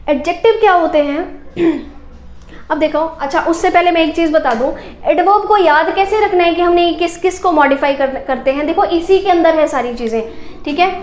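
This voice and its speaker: A woman's voice: extremely high pitch, moderate pace, echoey room. A woman teacher giving a grammar lesson, explaining step by step and asking questions she answers herself.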